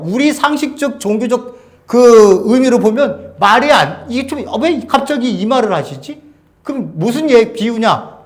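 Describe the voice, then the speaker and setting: Animated preaching pastor with a high voice. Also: male voice. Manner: swings between loud exhortation and hushed near-whispers; asks the congregation rhetorical questions. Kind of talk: sermon.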